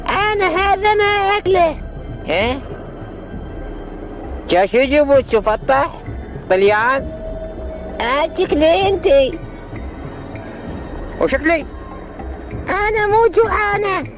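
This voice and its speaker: A man's voice: very high voice, animated, slow, long pauses, heavily acted. A man playing a fussy, nagging villager who complains in an Iraqi Arabic accent, in a comic skit. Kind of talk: comic dialect dialogue. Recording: music behind the voice.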